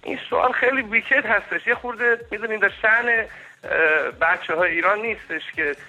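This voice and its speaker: Male caller, formal and hesitant, sharp bright tone, lo-fi phone line. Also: sits high, faint music behind. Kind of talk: call-in radio chat. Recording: dull phone-line call.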